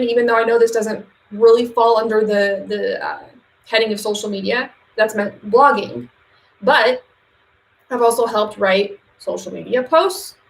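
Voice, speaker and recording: A woman talks business advice to camera in a casual, direct way, with repeated words for emphasis. Her voice sits a little high, and the room around her echoes noticeably. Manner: chatty and direct, with fillers and emphatic repetitions. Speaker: social media agency owner giving business advice.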